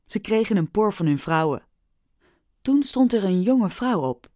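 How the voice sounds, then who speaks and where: Slow, calm woman reading a storybook. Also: medium pitch, dry recording, clean studio sound. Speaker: audiobook reader. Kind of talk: scripted storybook narration.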